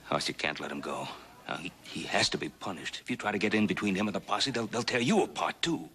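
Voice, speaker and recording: An actor playing a firm, concerned, responsible rancher in a 1960s TV western, with earnest, plain speech. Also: male voice, fairly low pitch, expressive, quick pace, a bit bright, slightly rough. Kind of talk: 1960s television western acting.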